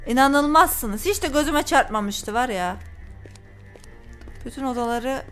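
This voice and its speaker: Bright-voiced woman playing a horror game. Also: high voice, expressive, measured pace, soft background music. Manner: jumpy, talks to viewers, reads in-game notes aloud. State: frightened. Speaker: gaming channel host. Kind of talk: horror game let's-play commentary.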